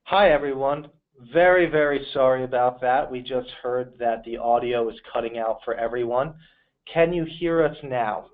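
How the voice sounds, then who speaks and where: A man's voice: medium pitch, moderate pace. A man hosting a live webinar over a phone dial-in, his volume rising and dropping unevenly as he apologizes and checks the audience can hear. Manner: apologetic, upbeat, direct to audience. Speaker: webinar host. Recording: tinny phone line.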